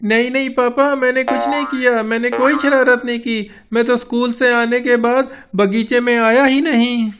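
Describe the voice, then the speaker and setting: A man's voice: extremely high pitch, flat delivery, moderate pace, few pauses, dull audio, music in the background. A man voicing a mischievous young village boy who teases his father. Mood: pleading innocent. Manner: cheeky, teasing.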